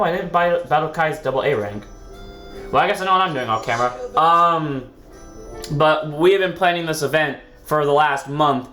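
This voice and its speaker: This gaming video host, who has a sore throat and sounds ill, talks in a fairly high, fairly bright voice. He casually rambles through his own card game match, repeatedly correcting himself and swearing now and then, recorded in an echoey room with faint music behind.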